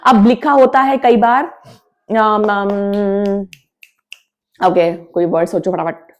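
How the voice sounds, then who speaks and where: A woman leads a beginner English lesson at a slow, deliberate pace. She mixes Hindi with English words as she explains. She repeats each point firmly and sounds out the letters one by one. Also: medium pitch, steady tone. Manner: repeats points emphatically, drills sounds aloud. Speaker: English teacher. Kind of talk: classroom-style grammar lesson.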